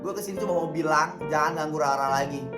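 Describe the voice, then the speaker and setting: A man's voice: a little high, fast, lightly acted. A man voicing a cheeky, teasing teenage schoolboy in a comedy skit. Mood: cool. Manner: teasing, playful. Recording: roomy recording with background music.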